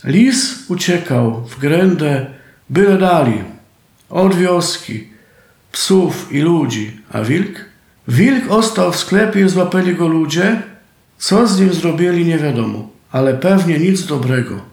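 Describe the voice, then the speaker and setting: Male Silesian folk-tale narrator, unhurried, gravelly tone, recorded in an echoey room. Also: fairly high pitch, expressive, darkish tone. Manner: homely storytelling in dialect. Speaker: storyteller.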